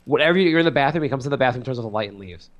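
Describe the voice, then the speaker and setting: A man's voice: mid-range voice, rapid-fire. Male co-host, mid-range voice, rambling storyteller, loose and chatty. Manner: rambling, animated storytelling with lots of fillers. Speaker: podcast co-host; father of two small children. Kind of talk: casual chat.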